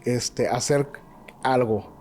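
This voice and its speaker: A man's voice: medium pitch, slow, mellow, a little hiss or hum. A man on a podcast, chatting casually and retelling old stories, often stopping to restart his words. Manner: hesitant, many restarts and filler words. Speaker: podcast co-host.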